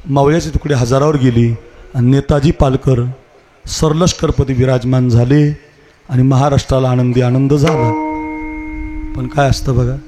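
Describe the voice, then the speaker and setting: A man's voice: medium pitch, warm tone, a little hiss or hum. A man preaching a devotional kirtan sermon in a crowded festival pandal, rousing and commanding the crowd, with call-and-response.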